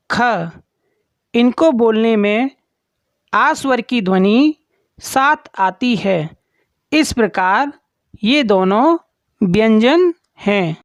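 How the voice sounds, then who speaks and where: A woman teaching children in a slow, deliberate way, spelling out each letter clearly. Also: fairly high pitch, no echo, lo-fi sound. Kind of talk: children's lesson.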